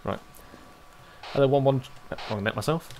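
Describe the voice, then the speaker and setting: A man's voice: medium pitch, moderate pace, creaky, darkish tone, slight background noise. A man as platoon commander, giving clipped military radio calls in a game.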